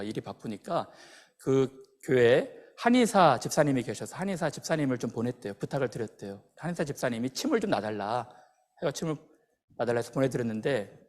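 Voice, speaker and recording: A man preaching a sermon as a pastor, telling stories in an animated way and acting out the people in them. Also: medium pitch. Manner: animated storytelling, acting out quoted voices. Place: church sanctuary. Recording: long hall reverb.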